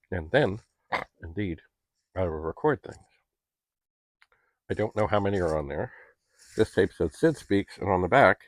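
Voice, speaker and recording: Recorded roughly with no room sound, a low-voiced middle-aged man rambles chattily to the camera from his home basement, a vlogger with polite, old-fashioned manners.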